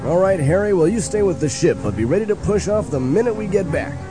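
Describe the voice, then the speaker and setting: A man's voice: sits high, lively intonation, quick pace, music in the background. A man playing a self-serving, mock-heroic, bumbling spaceship captain in a comic sci-fi parody. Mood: reluctantly heroic. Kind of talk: comic audio parody of a science fiction film.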